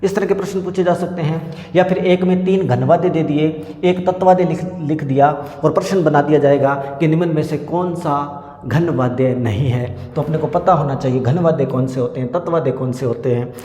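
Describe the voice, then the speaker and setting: A man teaching an exam-prep lesson. He repeats a memory-trick story slowly and explains each word. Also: a little high, warm tone. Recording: echoey room with long reverb.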